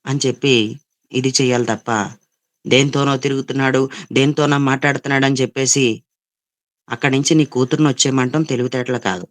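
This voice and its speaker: A man's voice: mid-range voice, steady tone, fairly quick, long pauses. A man with a Telugu accent preaching a sermon as a pastor, repeating phrases and scolding his listeners. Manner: repetitive, scolding preaching with quoted voices.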